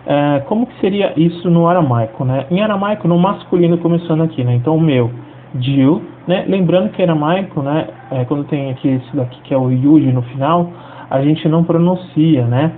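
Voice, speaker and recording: A Brazilian man teaching a language lesson in an explanatory way, checking in with listeners between phrases. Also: a little high. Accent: Brazilian Portuguese. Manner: explanatory, fills with frequent tag questions. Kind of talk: video lesson. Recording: tinny lo-fi audio with faint hiss.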